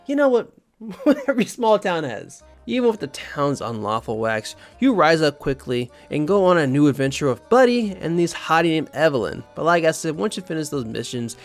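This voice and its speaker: Young adult man, slightly high voice, rambling and excitable, loose swearing, casual video rant with faint music underneath. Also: normal speed. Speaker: video creator. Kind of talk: casual rant about a childhood video game.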